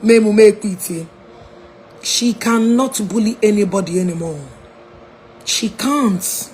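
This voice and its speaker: A Nigerian woman with an Igbo-tinged accent chatting on a casual livestream from a hotel room, animated and laughing, mixing English and Igbo. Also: mid-range voice, normal speed, a little hiss or hum. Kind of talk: casual live-stream chat.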